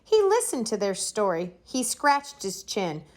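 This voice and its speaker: A woman's voice: medium pitch, huge pitch swings, unhurried. A woman reading a children's storybook aloud as narrator. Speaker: storybook reader.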